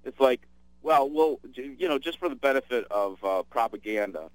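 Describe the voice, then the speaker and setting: A man's voice: mid-range voice, lively intonation, normal speed, no echo, low-quality recording. A man hosting a radio talk show, chatting casually about politics with many fillers and restarts.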